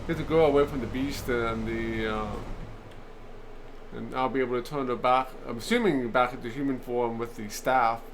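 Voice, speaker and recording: A man's voice: mid-range voice, steady tone, normal speed. Man musing through a game, noisy background. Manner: musing, hesitant, thinking aloud. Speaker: gamer, playthrough host. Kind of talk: casual game commentary. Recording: clear background noise.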